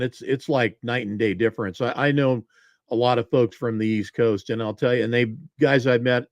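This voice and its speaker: A man's voice: mid-range voice, dry recording. A man hosting a live talk show, chatting in a loose, easygoing way with fillers.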